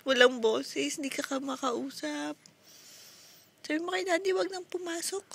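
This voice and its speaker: A woman's voice: high-pitched, steady tone, moderate pace, vocal fry. A young woman, a mother, chatting and teasing her baby in playful sing-song baby talk at home.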